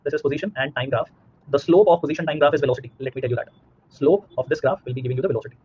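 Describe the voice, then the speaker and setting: A man's voice: a little high, rapid-fire, darkish tone, a little hiss or hum. A man in his thirties with an Indian accent teaching a live online physics class, repeating himself and checking understanding with questions, slightly muffled.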